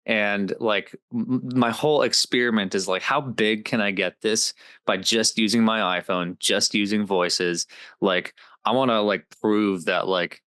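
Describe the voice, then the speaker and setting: A man's voice: on the low side, steady tone, a little slow, fairly bright tone, smooth, dry recording. A man in his twenties, a comedy creator, chatting casually as a guest, upbeat and rambling with lots of fillers. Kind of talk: casual interview chat.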